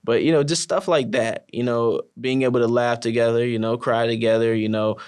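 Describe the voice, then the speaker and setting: A young man, a college wrestler and team captain, chatting casually in an interview with many "you know" fillers and lively storytelling. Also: mid-range voice, a little fast, clear, resonant tone. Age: young adult. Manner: relaxed, many fillers like "you know", animated when telling stories.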